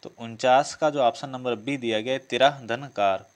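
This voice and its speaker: Here an exam coach, a man of medium pitch talking at ordinary speed, walks students through test questions. His delivery is instructive, with key phrases said more than once.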